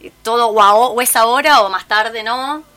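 A woman's voice: a little high, normal speed, bright, forceful tone. A woman in her thirties with a Rioplatense Argentine accent, a physical education teacher talking in a casual chat, chatty with frequent fillers. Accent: Rioplatense Spanish. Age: 30s. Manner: chatty, restarts and fillers often.

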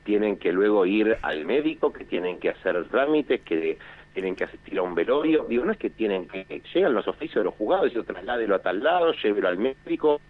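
An Argentine man, a security official phoning into a radio show, explains things in a measured way with many hesitations over a phone line that keeps breaking up. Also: fairly low pitch, sing-song. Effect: choppy phone line that keeps cutting out.

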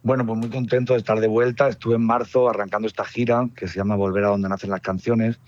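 A musician from Murcia, Spain, speaks with a southern Murcian accent in a phone interview about his tour. His lowish voice moves fast over the telephone line, and he sounds relaxed and reflective, using fillers like "pues" and "nada."

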